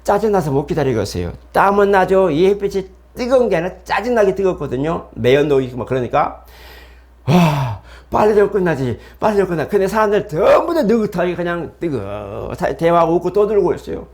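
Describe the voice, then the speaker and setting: A man's voice: high voice, sing-song, brisk, darkish tone. A middle-aged man preaching a sermon as pastor, in a conversational way, acting out the voices of the people he quotes.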